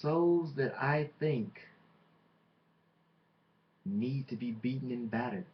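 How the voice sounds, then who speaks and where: A man delivering a boastful, taunting wrestling promo as a monologue, with deliberate dramatic pauses. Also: mid-range voice. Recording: dull lo-fi microphone recording.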